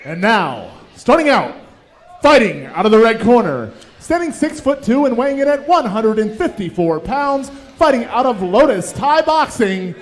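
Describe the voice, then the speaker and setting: A man making formal boxing ring announcer introductions, booming and stretching out the fighters' names. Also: sing-song, moderate pace.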